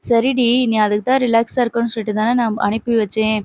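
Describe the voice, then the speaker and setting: A woman's voice: a little high, flat delivery, fast talker, darkish tone, no room sound, lightly acted. Lady reading out a nagging suspicious mom, dry close sound. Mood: scolding. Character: sharp-tongued mother, suspicious and scolding.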